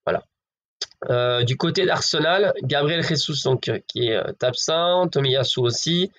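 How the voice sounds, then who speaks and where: A man's voice: a little high, unhurried, a bit bright. A man giving football betting predictions in a casual, chatty way, talking straight to his viewers with lots of fillers. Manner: chatty, addresses viewers as friends, hedges with fillers.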